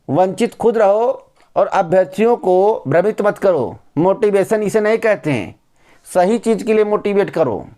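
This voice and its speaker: A man delivers direct-to-camera news commentary in a noticeably high voice. He lectures bluntly and hammers points home by repeating phrases. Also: darkish tone. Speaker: news channel host.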